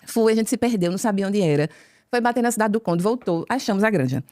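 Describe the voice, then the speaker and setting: A woman with a Brazilian Portuguese accent, a podcast guest telling her conversion story as a lively storyteller who acts out each exchange of dialogue. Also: mid-range voice, fast, dry recording, studio quality. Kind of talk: conversion testimony told as a story.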